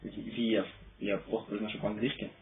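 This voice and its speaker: A man with a fairly low voice talks loosely and slangily, like a streamer among friends. The sound is narrow and phone-like, with clear noise and clicks around him. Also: level tone, moderate pace. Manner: slangy, informal. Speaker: streamer on a card game live stream. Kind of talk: casual chat among friends.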